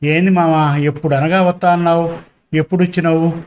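A man's voice: fairly high pitch, fairly even intonation, brisk, darkish tone, clean tone, natural voice. A man reading a storybook and voicing a poor village woman, a grieving, anxious mother, with scolding, pleading village talk.

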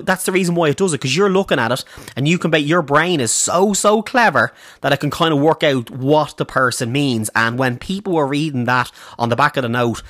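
A man's voice: a little high, fairly bright tone, no room sound, clean studio sound. A man hosting a podcast, telling a story in a casual, chatty monologue with frequent ums, restarts and jokey asides. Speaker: podcast host.

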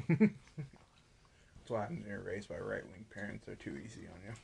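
A man's voice: lowish voice, big pitch swings, normal speed, vocal fry, a little mellow, a little hiss or hum. A drunk young man co-hosting a podcast in casual chat, profane and teasing. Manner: teasing, profane, laughing often. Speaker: podcast co-host.

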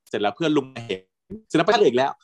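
A man chatting casually with a co-host, recapping a TV drama in an animated way, laughing often. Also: mid-range voice, racing, no room sound. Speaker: podcast co-host.

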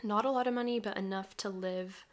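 A woman's voice: medium pitch, fairly even intonation, brisk. A young woman from the United States co-hosting a casual podcast, chatty and rambling, laughing often. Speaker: podcast co-host. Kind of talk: casual chat.

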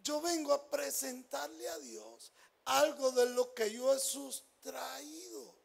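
A male pastor delivers a sermon in an unusually high voice with a gravelly edge. He moves slowly and deliberately. He alternates between quiet asides and loud, stressed phrases. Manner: emphatic preaching with rhetorical questions to the congregation.

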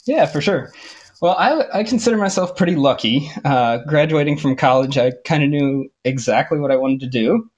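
A man in his twenties from Ohio, a podcast guest, answering in a relaxed way with frequent laughs and ums. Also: on the high side, moderate pace, slightly rough, muffled recording. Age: 20s. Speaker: guest, audio engineering tech. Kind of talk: casual interview chat.

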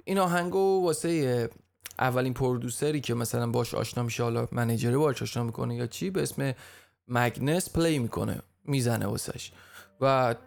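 A man with a gravelly, creaky edge to his mid-pitched voice tells a story on his podcast. He talks in a loose, conversational way, stumbling and correcting himself, then dropping in playful side comments. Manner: chatty, stumbles and restarts, jokes aside. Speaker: podcast host.

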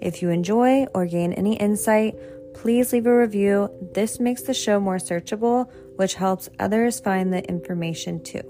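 A woman hosting a podcast, reading a scripted introduction in an even, read-aloud way. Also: medium pitch, normal speed. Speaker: podcast host and health coach. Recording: music playing behind voice. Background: intro music.

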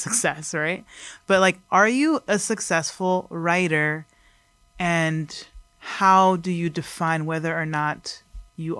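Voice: medium pitch, fairly bright tone, no room sound. A podcast host asking questions in casual chat, rambling with many fillers and restarts.

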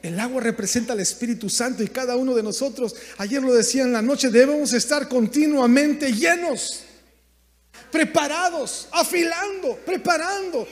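A man preaching a sermon as pastor, in impassioned bursts that drop to quiet asides. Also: extremely high pitch. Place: church sanctuary. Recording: long hall reverb.

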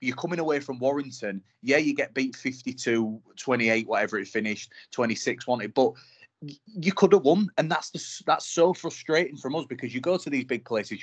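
Brief: man, rugby podcast co-host, mid-pitched, passionate and frustrated fan talk. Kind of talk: casual sports chat.

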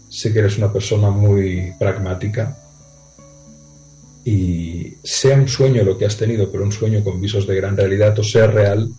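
A man on a video call speaking thoughtfully with frequent pauses and tag questions. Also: lowish voice, dark tone, reverberant, rough recording. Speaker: guest. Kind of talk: reflective conversation.

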